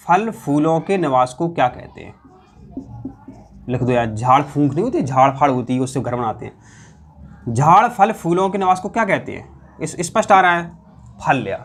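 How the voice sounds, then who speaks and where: Man teaching exam prep, fairly high voice, asks questions and drills the answers. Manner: repeats answers, asks questions aloud, colloquial. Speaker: quiz teacher.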